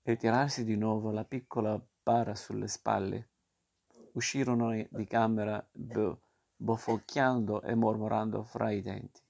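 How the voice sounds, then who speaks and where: A man reading a classic children's story aloud in a measured, expressive way. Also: fairly low pitch, creaky. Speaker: narrator.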